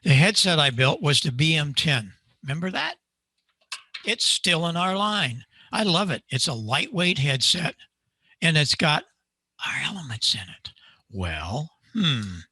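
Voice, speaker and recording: A man's voice: a little high, unhurried, slightly rough, dry recording. An older man who builds microphones, presenting to a club over a video call and quizzing himself with rhetorical questions. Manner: lively demonstrator, asks himself rhetorical questions. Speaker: guest speaker, microphone maker. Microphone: video call mic.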